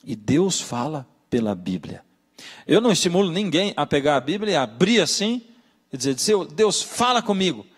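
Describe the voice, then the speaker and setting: A man's voice: fairly high pitch, big pitch swings, normal speed, husky. A man, a pastor preaching a sermon, telling stories and addressing listeners directly. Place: church. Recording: reverberant church hall.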